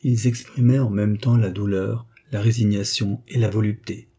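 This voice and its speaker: A man narrating a classic novel as an audiobook in a measured, dramatic delivery. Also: on the low side, fairly even intonation, mellow, slightly rough.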